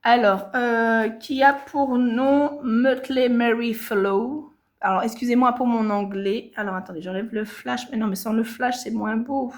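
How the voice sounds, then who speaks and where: Chatting informally with viewers, this woman shows off her cross-stitch work, often pausing and rephrasing. She speaks a little slowly in a fairly high voice with fairly even intonation.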